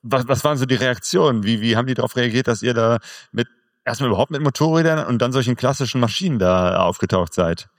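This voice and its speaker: A man's voice: mid-range voice, fast, dry recording, studio quality. A man hosting an interview, asking curious follow-up questions. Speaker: interviewer, podcast host. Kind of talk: conversational interview.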